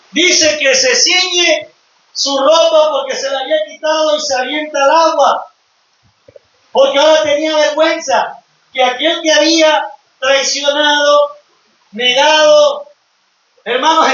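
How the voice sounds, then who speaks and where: High-voiced preacher in an echoey hall. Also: male voice, fairly even intonation, a little slow, long pauses, pushed and bright, slight background noise. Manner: emphatic preaching that retells scripture, often calling out to the brethren. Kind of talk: sermon to a congregation. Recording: echoey hall, distant dull mic.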